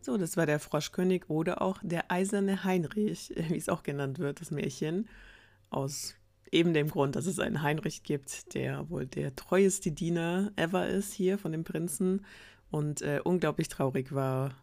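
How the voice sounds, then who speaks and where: A woman's voice: sits low, unhurried, darkish tone. A woman retelling a fairy tale on a podcast in a casual, ironic, chatty way with fillers. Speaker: podcast storyteller.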